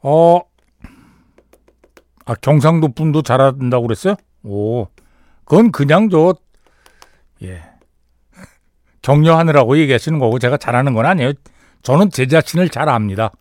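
A man hosting a radio show in a studio, reading a short story and then listener messages, with relaxed banter. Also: medium pitch, normal speed, pauses often, dry recording. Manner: relaxed banter, reads messages aloud and comments.

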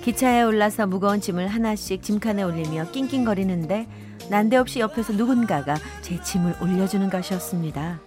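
Over music, a woman with a medium-pitched, everyday-sounding voice speaks a little fast as a wistful narrator in her fifties. For a radio drama, she tells a sentimental first-love story in a reflective mood.

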